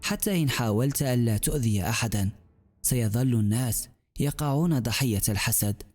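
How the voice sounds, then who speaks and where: Gentle young female healer read by a man, earnest, calm, reasoning, mellow tone. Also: mid-range voice, fairly quick, faint music behind, lightly acted.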